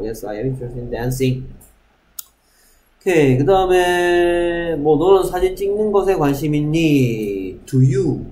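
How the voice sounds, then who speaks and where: Brisk male English teacher in a roomy classroom. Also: medium pitch, a little mellow, a little hiss or hum. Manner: brisk, keeps checking with the class, reads English examples slowly. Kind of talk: classroom grammar lecture.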